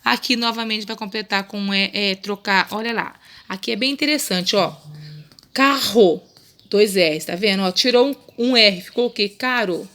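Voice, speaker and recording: Gravelly-voiced woman teaching young kids. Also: medium pitch, a bit bright. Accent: Brazilian Portuguese. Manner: patient, coaxing, repeats words slowly. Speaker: primary school teacher. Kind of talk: remote Portuguese lesson.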